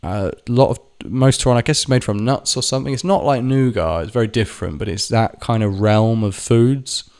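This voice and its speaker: A man's voice: medium pitch, brisk, hardly any pauses, darkish tone, clean tone. A man telling a rambling, sweary personal story to camera, often stopping to correct himself. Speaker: vlogger. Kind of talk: casual storytelling monologue.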